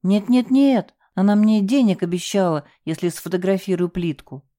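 A woman's voice: medium pitch, normal speed, mellow, pitched above the performer's own voice, lightly acted. A woman voicing a frightened young female hotel porter who pleads and protests tearfully in an audiobook.

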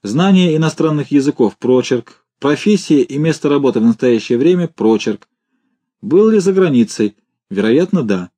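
A man voicing a timid, gentle male commandant who reads forms and speaks softly of his creature. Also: medium pitch, expressive, normal speed, close to an everyday voice. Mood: reading out. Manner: timid, mild, tender.

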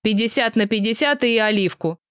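A woman reader voicing a calm, sarcastic young man with a dry, understated manner. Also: fairly high pitch, fairly quick, clean tone, no echo, close to an everyday voice. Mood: sardonic.

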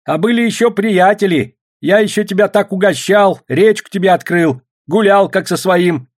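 A man voicing an older male gold prospector, furious and in tears, shouting and ranting in an audiobook. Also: sits high, moderate pace, voice pushed up. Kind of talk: audiobook narration.

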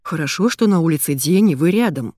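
A woman voicing a timid, frightened husband who mumbles quietly. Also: sits low, lively intonation, a little fast, no room sound, clean studio sound. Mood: mumbling. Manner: mumbling, hushed.

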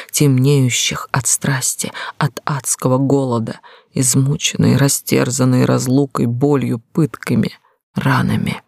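Gravelly, intimate audiobook narrator. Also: mid-range voice, no echo, clean studio sound. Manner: emotional, intimate reading. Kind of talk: first-person romance audiobook narration.

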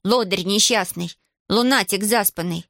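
A woman's voice: mid-range voice, measured pace, a bit bright, no echo, clean studio sound. A woman voicing a strict, bossy schoolgirl who gives stern commands and threats in an audiobook. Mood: commanding. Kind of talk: audiobook character voice.

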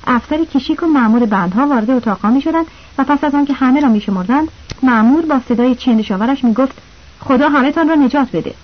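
A woman's voice: high voice, husky. A woman narrating a novel as an audiobook, reading the characters' lines in her own voice with small shifts. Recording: slightly dull lo-fi audio.

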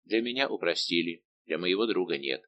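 Male reader as a middle-aged musketeer captain: calm, respectful, unbending, low-pitched. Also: brisk, muffled recording. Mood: calm defiant. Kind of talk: audiobook reading.

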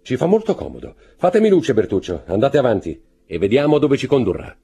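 A man's voice: medium pitch, wildly swooping pitch, brisk, creaky, warm tone, breathy edge, voice pushed up, full character voice. A man reading an audiobook, voicing a cold, imperious nobleman who gives commands. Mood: commanding.

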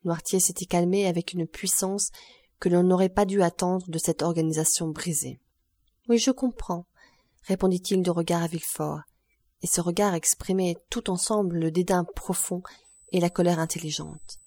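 A woman reading a classic novel aloud as an audiobook narrator, calm and measured. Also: fairly low pitch, no room sound. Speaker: audiobook reader.

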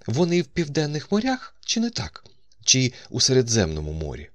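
A man voicing a naive young actress, speaking high and breathy. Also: wildly swooping pitch, normal speed, no room sound. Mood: wondering.

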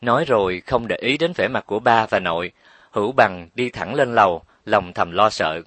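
A man narrating a romance story with steady, expressive storytelling. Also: lowish voice, normal speed, dry recording. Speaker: audiobook narrator.

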